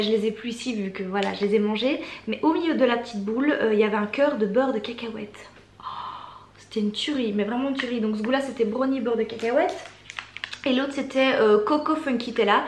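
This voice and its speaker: Chatty young woman, echoey room. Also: on the high side. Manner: chatty, enthusiastic, many fillers. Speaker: beauty and lifestyle vlogger. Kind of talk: casual product favorites talk.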